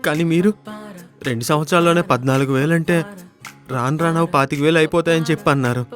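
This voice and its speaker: An actor playing a shy, earnest young man in love, speaking softly and pleading. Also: on the high side, fast talker, faint music behind, lightly acted. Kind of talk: romantic comedy web series acting.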